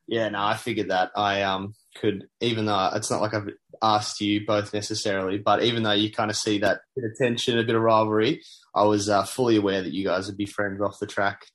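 A man's voice: lowish voice, little pitch movement, a little fast, fairly bright tone. A man hosting an interview, asking questions in a hesitant way with many fillers and restarts. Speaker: interviewer, host. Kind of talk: casual interview.

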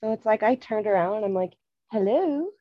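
A woman's voice: mid-range voice, flat delivery, fast talker, no echo, highs cut off. A woman co-hosting a podcast, speaking in a playful, giggly way. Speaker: podcast co-host. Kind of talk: casual chat.

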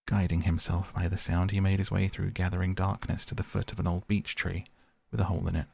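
A man reading a children's story aloud in a measured, unhurried way. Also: sits low, little pitch movement, gravelly, a little mellow, husky, no echo. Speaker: narrator.

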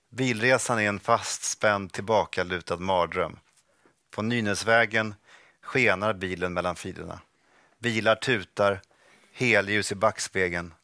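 A man reading a first-person passage from his own book aloud, slow and restrained, over a video call. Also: lowish voice, pushed and bright, no room sound, clean studio sound.

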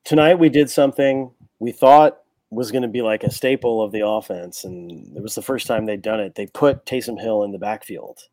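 A man hosts a casual sports podcast in a low voice, loose and a bit tipsy. The sound is dry and close. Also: normal speed, hardly any pauses, darkish tone, no echo. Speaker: podcast host.

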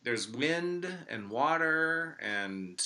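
A man's voice: on the high side, lively intonation, very slow, pushed and bright. An American man chatting casually as a podcast host, in a jokey manner. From Chicago, United States. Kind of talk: casual chat.

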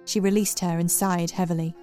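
A woman reading a dark fairy tale aloud in a measured, dramatic storytelling manner. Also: lowish voice, little pitch movement. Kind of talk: scripted storybook narration. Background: faint music.

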